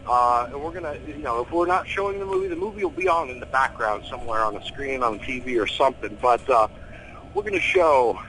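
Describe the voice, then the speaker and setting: Bright, opinionated middle-aged American man. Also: medium pitch, brisk, slight background noise, rough recording. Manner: animated, opinionated, slangy. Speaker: horror host being interviewed. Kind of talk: casual interview chat.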